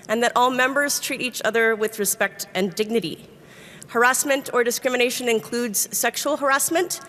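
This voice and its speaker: A woman's voice: fairly high pitch, fairly bright tone. A woman with an English-speaking accent in French, co-chairing a convention and reading policy in English and French with small stumbles. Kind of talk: bilingual chairing and announcements. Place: large convention hall. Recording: long reverb of a large hall.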